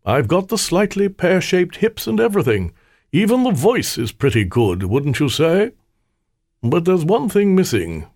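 A sly, boastful trickster spirit , played by a man, mocks his enemy in a raised, sing-song voice. His pitch leaps about with showy delight, with a husky edge on a dry, close sound. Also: big pitch swings, unhurried, darkish tone, dry recording, exaggerated voice. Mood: taunting. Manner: taunting, theatrical. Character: cocky, mocking male spirit, sly trickster.

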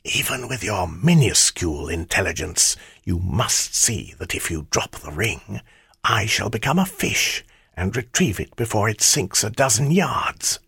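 A cold, vengeful shadow spirit hisses its threats in a low, breathy whisper. The words come slowly and heavily, each one a promise of harm, and the sound stays close and dry, with no room around it. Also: male voice, big pitch swings, a bit bright, no room sound, heavily acted. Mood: menacing whisper. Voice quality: hissing whisper. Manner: slow, threatening.

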